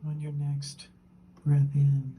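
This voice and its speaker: A meditation teacher, she guides the session in a low-pitched, completely flat delivery, gentle and slow, with short phrases and long pauses. Her voice is soft and breathy and often falls toward a whisper, against slight background noise.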